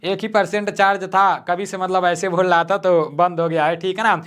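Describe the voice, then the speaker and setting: A young man teaching exam questions at home at night, talking softly and repeating each question. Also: high-pitched, level tone, normal speed, smooth. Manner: soft-spoken, repeats each question, frequent "theek hai na". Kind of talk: quiz-style exam lesson.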